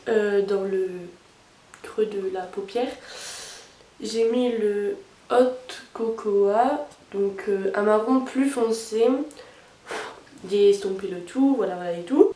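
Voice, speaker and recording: A woman's voice: mid-range voice, darkish tone. Young woman doing a chatty makeup tutorial, lots of ums, echoey room, camera kinda far. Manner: hesitant, many fillers and restarts. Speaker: beauty vlogger. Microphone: camera mic at a distance. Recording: roomy sound, camera set back.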